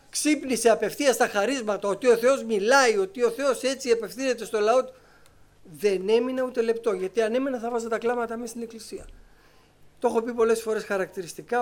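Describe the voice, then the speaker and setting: A middle-aged man with a notably high voice gives a personal testimony before his church. He is a lively storyteller who slips into the voices of the people he talks about. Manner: lively storyteller, acting out conversations. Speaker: church member giving testimony.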